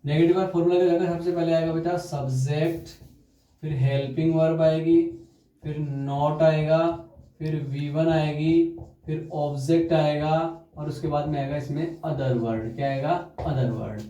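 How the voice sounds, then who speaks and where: A man's voice: fairly high pitch, steady tone, dark tone. Echoey grammar teacher quizzing his class. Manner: quizzes students with repeated questions, dictates examples slowly. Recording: echoey room, far from mic.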